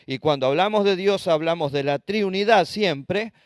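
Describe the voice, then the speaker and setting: A man with an Argentine accent teaches a Bible study in a church, pitching his voice on the high side. He asks his listeners questions and spells out Hebrew terms letter by letter. The sound is dry and close, with no room echo. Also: normal speed. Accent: Argentine Spanish.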